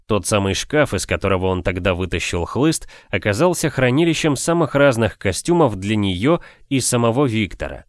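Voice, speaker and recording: A man narrates an audiobook in a steady, measured reading. His voice sits on the lower side. The sound is close and completely dry, with no echo. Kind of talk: scripted narration.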